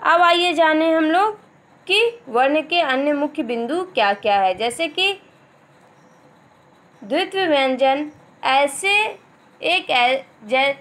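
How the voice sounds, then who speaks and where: High-voiced woman teaching a grammar lesson. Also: expressive, a bit bright. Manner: explains step by step, repeats terms, slows on example words. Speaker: school teacher.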